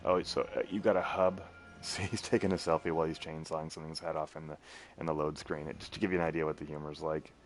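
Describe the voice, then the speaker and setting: A man's voice: rumbling low, little pitch movement, fast talker, faint music behind. A man streaming a video game, casually rambling and laughing as he explains it. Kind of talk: casual gameplay commentary.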